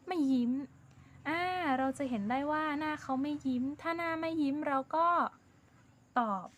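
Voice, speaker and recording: Patient Thai woman teaching young pupils. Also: high-pitched. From Thailand. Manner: patient, repeats herself, coaxing fillers. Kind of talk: explaining a worksheet to young pupils.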